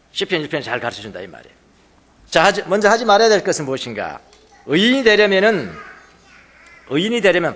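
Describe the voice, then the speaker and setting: A man's voice: on the high side, sharp tone, long reverb tail. A man preaching a sermon as pastor, emphatic, repeating key words and putting questions to the congregation. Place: church sanctuary.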